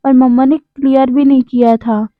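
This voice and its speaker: A woman's voice: high-pitched, little pitch movement, moderate pace, dry recording, lightly acted. A woman voicing a seven-year-old boy who earnestly argues a point, in a plain reading voice. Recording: slightly dull, dry close recording.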